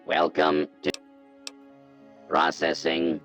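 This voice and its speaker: A man voicing a cold male computer security system in a video game, giving terse, clipped announcements in a monotone computer voice. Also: extremely low pitch, extremely slow, gravelly, soft background music, full character voice. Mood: flat.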